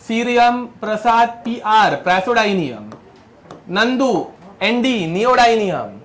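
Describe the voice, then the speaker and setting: A man's voice: sits high, a little hiss or hum. A man teaching chemistry to a class, drilling mnemonics and scolding students who turn around, in with a tinge. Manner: drills mnemonics, scolds students, Hindi mixed with English terms. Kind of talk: classroom lecture.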